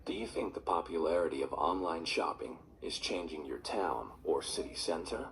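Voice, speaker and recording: Deep-voiced examiner through a laptop speaker. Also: male voice, lively intonation, moderate pace, vocal fry, noisy background. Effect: played through a laptop speaker. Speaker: exam examiner recording. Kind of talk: scripted test prompts.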